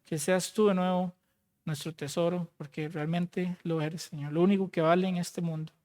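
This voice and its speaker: A man preaching, then leading a fervent closing prayer that repeats "Lord" at phrase ends and trails off softly. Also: high voice, flat delivery, moderate pace. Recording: long hall reverb.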